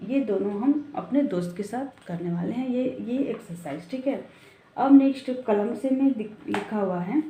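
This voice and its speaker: A woman teaching a classroom lesson, patiently working through each exercise and asking the children questions as she goes. Her voice is mellow and soft-edged, at a middle pitch. The room around her is echoey. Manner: patient, explains step by step with rhetorical questions and mixed-in English words. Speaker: school teacher. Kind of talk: classroom lesson explaining a textbook.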